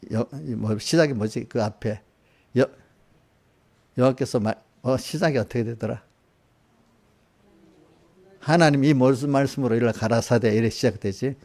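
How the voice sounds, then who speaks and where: A man preaches in a loose, conversational way, turning to individual listeners with questions and slipping into quoted voices. His voice is gravelly with a dark, mellow tone, sitting at an ordinary pitch for a man. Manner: conversational preaching, quizzing congregation by name; acts out voices in quoted asides. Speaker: pastor. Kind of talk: sermon. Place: church sanctuary.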